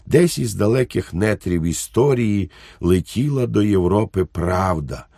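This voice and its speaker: Creaky, husky male narrator. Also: fairly low pitch, animated, a little slow, mellow, no echo, clean studio sound. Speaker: audiobook narrator. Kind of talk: scripted narration.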